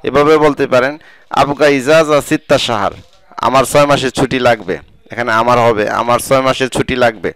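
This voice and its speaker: A man with a Bangladeshi Bengali accent gives a scripted vocabulary lesson, saying each word and then its meaning in slow, measured steps. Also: medium pitch, steady tone, fairly bright tone, smooth, no echo, rough recording. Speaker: Arabic language teacher.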